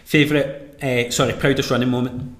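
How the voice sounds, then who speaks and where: A Scottish man hosting a live podcast interview, bantering with quick quips. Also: medium pitch, flat delivery. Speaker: podcast host. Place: room at a live event. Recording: echoey room, faint noise.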